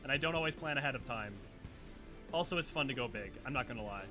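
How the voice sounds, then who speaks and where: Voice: medium pitch, lively intonation, fast. Casual streamer chatting over game music. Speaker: streamer who voices game characters. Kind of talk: casual game livestream chat.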